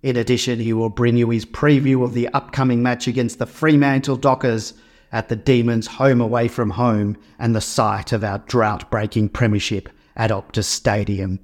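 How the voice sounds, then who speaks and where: A man's voice: medium pitch, level tone, moderate pace. An Australian man reading a scripted introduction as the host of a sports podcast.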